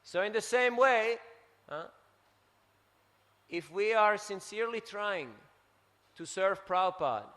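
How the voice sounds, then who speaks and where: Bright-voiced Swiss man preaching. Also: sits high, long reverb tail. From Switzerland. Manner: animated storytelling, tags points with "huh?". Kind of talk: scripture class talk. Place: temple hall.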